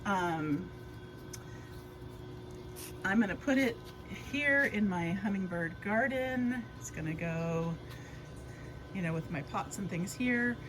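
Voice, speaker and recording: A woman's voice: mid-range voice, animated, takes it slowly, long pauses, noisy background. A woman chatting casually as she works in her garden outdoors, rambling with plenty of fillers. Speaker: garden vlogger. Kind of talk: casual chat.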